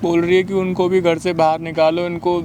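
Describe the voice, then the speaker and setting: Upset young man, high voice, faint traffic. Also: flat delivery, fairly quick, a little mellow. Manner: upset, emotional, raising his voice. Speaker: guest telling his story. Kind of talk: staged street confrontation.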